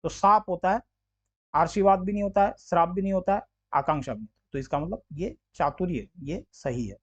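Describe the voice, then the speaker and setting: A male Hindi teacher giving an exam-prep spelling lesson, explaining patiently and repeating words slowly to sound them out. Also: high-pitched. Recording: dull lo-fi audio.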